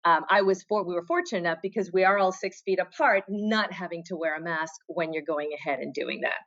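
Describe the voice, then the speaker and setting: A woman's voice: fairly low pitch, brisk, fairly bright tone, highs cut off. A middle-aged woman from Argentina, a fitness competitor guesting on a podcast, chatting casually and telling stories with restarts and trailing asides. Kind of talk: casual interview chat.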